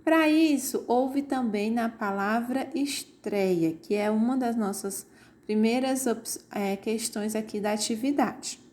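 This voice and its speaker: A woman teaching an online grammar lesson, explaining slowly and pointing out examples on screen. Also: a little high, a little mellow.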